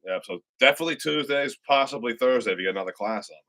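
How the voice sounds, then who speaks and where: A man's voice: mid-range voice, expressive, racing, pushed and bright. A man co-hosting a casual live show, giving short, easygoing replies. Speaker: co-host, video maker. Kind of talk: casual live-stream chat.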